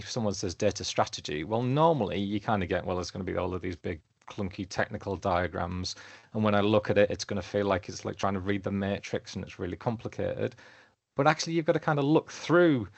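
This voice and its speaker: A man giving a webinar presentation on his work, lively and fond of analogies, often putting questions to the audience. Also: on the low side, creaky, no echo. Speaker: webinar presenter, council data lead.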